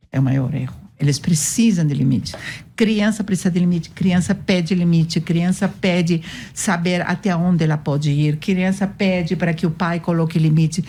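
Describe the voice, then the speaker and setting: A woman's voice: low voice, vocal fry, dark tone. A woman giving earnest, firm advice on parenting from her own life on a talk show. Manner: earnest, firm, repetitive emphasis.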